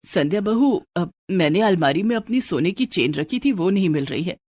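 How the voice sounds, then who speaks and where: A nervous, stammering mother-in-law in a cartoon story, as a woman narrator puts her on. Her voice sits lower than the narrator's and sounds close and dry. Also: animated, normal speed, a little mellow, dry recording. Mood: flustered. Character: fretful older mother-in-law, flustered.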